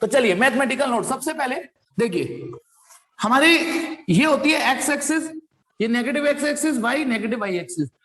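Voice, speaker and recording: High-voiced man teaching a physics class. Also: expressive, normal speed, a bit bright. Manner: addresses students directly, stops to ask them questions; repeats points over and over. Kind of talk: online class lecture.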